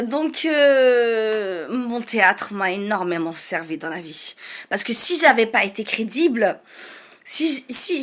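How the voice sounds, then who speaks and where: High-pitched woman, halting testimony. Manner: animated, acts out dialogue; halting, with many restarts. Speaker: storyteller. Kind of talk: personal testimony to camera.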